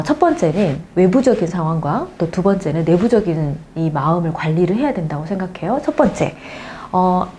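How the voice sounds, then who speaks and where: Woman, middle-aged, marriage counselor, reassuring advice, mellow warm tone, lively intonation. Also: mid-range voice, a little hiss or hum. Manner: gentle, reassuring, acts out quoted lines. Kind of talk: advice talk to camera.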